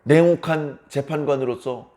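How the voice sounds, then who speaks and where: A male pastor preaching a dawn service sermon, telling the story dramatically and acting out quoted lines with big rises and drops in pitch and loudness. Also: moderate pace.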